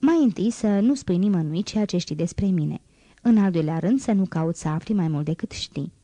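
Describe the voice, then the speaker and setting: A serious, cautious man speaks in measured lines, as a woman reader voices him. The tone is low and mellow. The recording is dry and close. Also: expressive, no room sound. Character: grave, cautious grown man, a fugitive.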